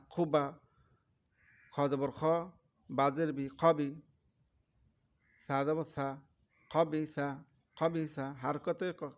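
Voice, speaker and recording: A man teaching Quran reading, sounding out Arabic letters syllable by syllable and repeating each drill. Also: mid-range voice. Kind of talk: slow letter-by-letter recitation lesson. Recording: dull lo-fi recording.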